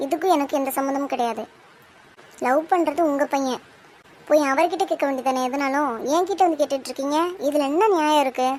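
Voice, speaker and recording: A woman's voice: high-pitched, slight background noise, lightly acted. [name], a woman voicing a defiant young bride. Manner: firm, defiant, cutting. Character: young bride-to-be defending her younger sister. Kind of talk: cartoon soap drama voice acting.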